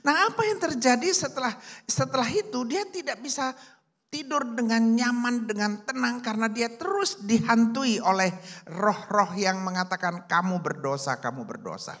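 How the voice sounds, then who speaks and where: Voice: medium pitch, normal speed, a bit bright. A preacher telling a story in a sermon, acting out the people he quotes. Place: church service.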